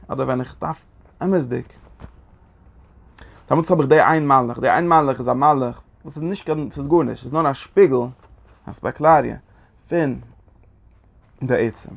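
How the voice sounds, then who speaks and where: Gravelly man teaching in a halting way. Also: medium pitch. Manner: halting, repeats phrases, mixes Yiddish and Hebrew terms into German. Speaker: Torah teacher. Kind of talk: Talmudic study lecture.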